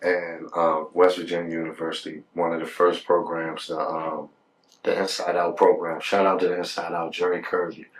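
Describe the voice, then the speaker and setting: A man's voice: sits low, little pitch movement, moderate pace, far from the mic, poor audio. A man telling his life story in a casual podcast talk. He often repeats words when he gets heated and keeps asking "you know what I'm saying". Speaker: podcast guest.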